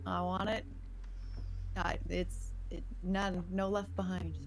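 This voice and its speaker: A woman's voice: fairly low pitch, level tone, slow, rough recording. A woman player speaking casually, describing and voicing her character's moves in a tabletop game. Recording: faint room noise.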